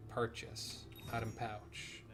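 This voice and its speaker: Speaking slowly in a lowish, monotone voice with a fairly bright tone, a Japanese-native man streams a video game. His live-stream chatter rambles, includes casual swearing, and has him reading out questions from his viewers.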